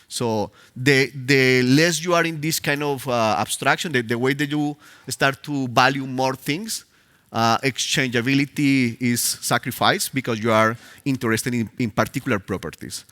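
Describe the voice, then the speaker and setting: Giving a live talk from a conference stage, this native Spanish speaker has a Spanish accent and a hesitant manner, with many fillers and restarts. His mid-range voice is fairly bright, moving at a moderate pace.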